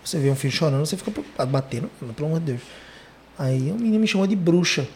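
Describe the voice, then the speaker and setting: A man hosting a conversational podcast, telling stories with lively emphasis. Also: a little high, very fast, a little hiss or hum. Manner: animated storytelling, lively emphasis. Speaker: podcast host.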